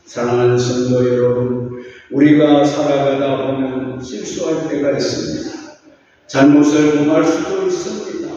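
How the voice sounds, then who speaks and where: A male pastor delivers an earnest sermon in a fairly high, mellow voice, drawing his phrases out in a half-sung cadence. He sounds far from the mic in a big church that rings with long echo. The sound is dull and slightly muffled, with faint room noise behind him. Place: church sanctuary. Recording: distant, echoey church hall, dull sound.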